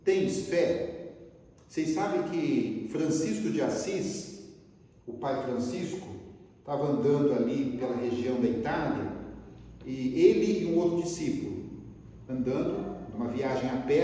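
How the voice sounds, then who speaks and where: A man's voice: mid-range voice, unhurried, recorded from a distance. A man with a Brazilian Portuguese accent giving a spiritist lecture, telling stories and asking the audience questions. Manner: lively storyteller, asks the audience questions. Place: lecture hall. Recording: echoey hall, voice from afar.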